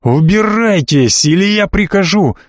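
A haughty middle-aged baron, icy and clipped, who blusters when cornered, as a male narrator plays him. The voice sits a little high for a man and sounds dry and close. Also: moderate pace, darkish tone, dry recording, natural voice. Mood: angry, blustering.

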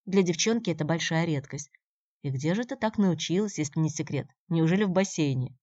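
A woman voicing a calm, persistent young man who talks in a measured, dry way, in a dull, dry recording. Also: low voice, dry recording. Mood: probing.

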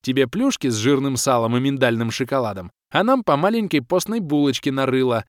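Guy reading as a cocky young rogue, pushy and mocking, voice bouncing up high, dry close sound. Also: lively intonation, brisk, dry recording, close to an everyday voice. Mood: brash. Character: cocky young male rogue, brash bargainer.

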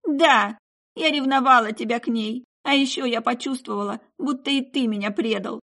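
Audiobook figure: remorseful middle-aged mother, emotional outbursts, higher voice, read by a woman. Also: normal speed, a bit bright. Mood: anguished.

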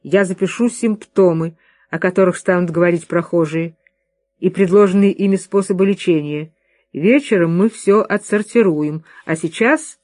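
A reader voicing a gruff, commanding middle-aged father who gives orders. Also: mid-range voice, normal speed, darkish tone, no echo, clean studio sound, lightly acted. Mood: bossy. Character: stubborn excitable father, middle-aged man.

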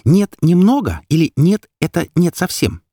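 A man's voice: on the high side, big pitch swings, normal speed, slightly rough, dry recording, clean studio sound, voice pushed up, heavily acted. A man doing a furious jealous young woman. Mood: angry. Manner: sharp, shouting accusations.

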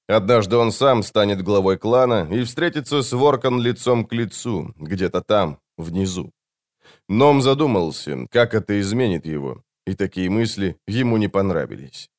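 A man narrating a fantasy audiobook in a measured storytelling delivery. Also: fairly low pitch.

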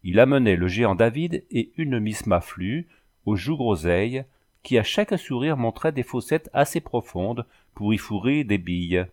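A man narrating a literary audiobook in an expressive, animated reading. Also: lowish voice, normal speed.

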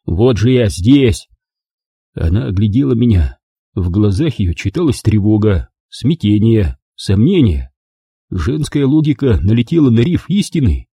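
A man narrating a first-person audiobook story with wry, lively storytelling. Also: fairly low pitch, moderate pace, breathy edge, no echo, studio quality.

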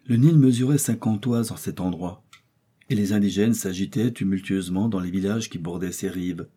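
Male audiobook narrator: measured, low, dark, slightly husky. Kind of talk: scripted narration.

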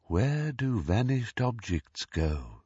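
Soft musical talking door knocker, by a man. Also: mid-range voice, sing-song, slow pace, slightly rough, no echo, full character voice. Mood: serene. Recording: slightly dull, dry recording.

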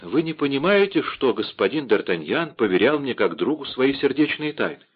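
A man's voice: mid-range voice, very animated, normal speed, slightly rough, voice pushed up. A man voicing a cunning, scheming noblewoman in a theatrical audiobook reading, on a dull lo-fi recording.

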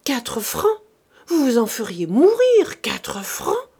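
A woman's voice: high-pitched, wildly swooping pitch, slow pace, warm tone, husky, full character voice. A woman voicing a stingy, sour older peasant widow who speaks sharply and indignantly in a storybook reading.

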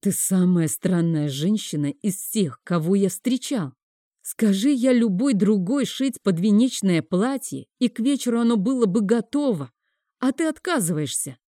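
A woman voicing a reserved young duke who speaks haltingly, in an audiobook. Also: mid-range voice, animated, dark tone, dry recording, studio quality, lightly acted. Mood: hesitant. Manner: hesitant, halting.

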